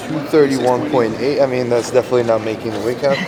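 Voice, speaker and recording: A young man from Ukraine vlogging his bodybuilding prep in a relaxed, chatty way, full of fillers and restarts. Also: mid-range voice, fast, a crowd in the background. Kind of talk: casual vlog talk.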